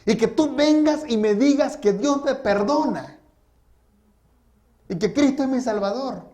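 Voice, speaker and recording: A male preacher voicing a guilt-haunted former soldier who pleads and shouts in desperation. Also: medium pitch, animated, unhurried, natural voice. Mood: anguished shouting.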